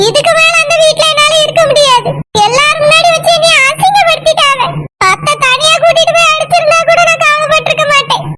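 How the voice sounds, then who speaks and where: A woman voicing an aggrieved, sharp-tongued village wife and mother in a cartoon, speaking with a Kanyakumari Tamil accent in a bitter, complaining way. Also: extremely high pitch. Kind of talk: cartoon voice acting. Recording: loud background noise.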